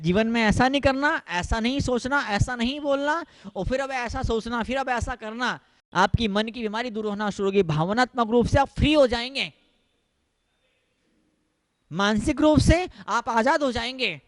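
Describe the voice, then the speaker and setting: A man's voice: very high voice, normal speed, fairly bright tone, no echo. A man, a Jain monk, giving a sermon in an emphatic, repetitive way, now and then slipping into English phrases.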